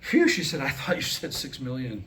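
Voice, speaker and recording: Here a man in his sixties, pitched in the middle range but swooping wildly, performs jokes and comic monologue as a staged reading at a normal speed. He gives the quoted dialogue a wry, acted-out delivery. The live room recording has background noise.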